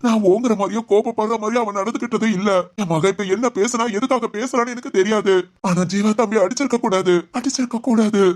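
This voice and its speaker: Cartoon drama: woman playing a wounded father, earnest and rapid. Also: mid-range voice, darkish tone, lightly acted. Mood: aggrieved. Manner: earnest, pleading. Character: middle-aged father of the bride, hurt and firm. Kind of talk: animated family drama voice acting.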